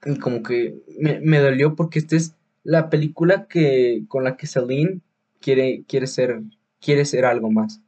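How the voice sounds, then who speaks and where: Mexican guy rambling about movies on his podcast, kinda husky voice, lots of ums and slang, dull lo-fi sound. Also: mid-range voice, fairly even intonation, unhurried, darkish tone. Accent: Mexican Spanish. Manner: rambling, many fillers and restarts, slangy. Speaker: podcast host. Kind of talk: casual film review chat.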